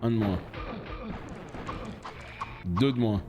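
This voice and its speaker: A man streaming a game live, reacting loudly, swearing and talking to his chat. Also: lowish voice, slow, muffled recording. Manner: excitable, swears, talks to chat. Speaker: gaming streamer. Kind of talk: live let's play commentary. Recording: music playing behind.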